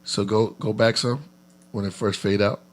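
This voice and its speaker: A man hosting a live podcast stream, chatting loosely and giving shout-outs. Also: lowish voice, steady tone, moderate pace. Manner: laid-back, loose, with shout-outs and laughs. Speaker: podcast host. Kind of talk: casual live-stream chat.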